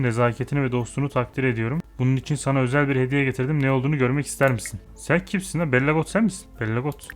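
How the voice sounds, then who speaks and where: Excitable young man playing a life sim. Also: mid-range voice. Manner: excitable, swears playfully, talks to game characters. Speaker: gamer. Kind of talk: casual gameplay commentary.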